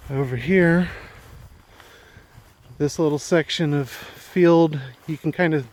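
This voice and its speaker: A homesteading vlogger with a fairly high, slightly mellow voice talks slowly as he walks around his rural property on a casual, wandering tour, slightly out of breath.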